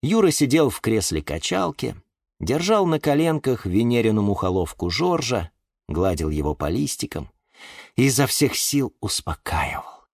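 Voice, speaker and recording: A man reading a children's story aloud in a playful, expressive storytelling manner. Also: medium pitch, moderate pace, gravelly, no echo, studio quality. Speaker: narrator. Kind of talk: storybook narration.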